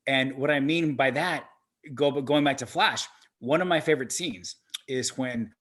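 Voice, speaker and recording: A man co-hosting a casual movie-reaction podcast, excitable and swearing freely as he gushes over scenes. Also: medium pitch, moderate pace. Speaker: podcast co-host.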